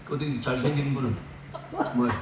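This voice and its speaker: A male pastor preaching a sermon in a lively, joking way, laughing often, recorded on a phone from far off in a church hall. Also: mid-range voice, fairly quick, background noise. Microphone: phone far off in the room. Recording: echoey room from far off on a phone.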